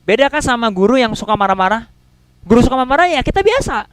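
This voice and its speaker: A man preaching a sermon in a casual, slangy way, swinging between loud and soft and acting out quotes. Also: very high voice, very animated, quick pace, clear, resonant tone, dry recording, poor audio.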